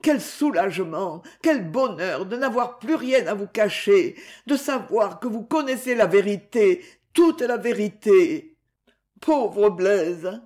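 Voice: mid-range voice, lively intonation, takes it slowly, a little mellow, pitched above the performer's own voice. A reader voicing a sick, remorseful young boy in an audiobook, anxious and pleading. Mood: tearful relief. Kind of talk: audiobook character reading.

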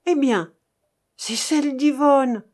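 A woman voicing a distraught young male farmer in an audiobook, crying out in high, agitated exclamations. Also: slow, darkish tone. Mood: frantic. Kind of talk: audiobook dialogue reading.

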